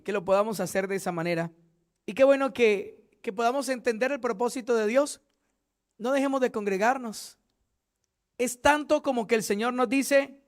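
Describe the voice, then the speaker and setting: A male pastor preaching a fervent Bible study sermon, acting out what church members say. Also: very high-pitched.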